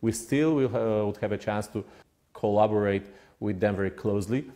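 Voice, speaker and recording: A man with a Polish accent giving formal interview answers in a deliberate, diplomatic way with hesitant phrasing. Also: on the low side, mellow. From Poland. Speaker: ambassador, interview guest.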